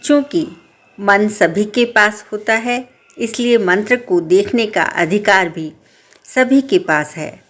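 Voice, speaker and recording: Wise male creator deity giving a slow verdict, voiced by a woman storyteller. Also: medium pitch. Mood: judicious.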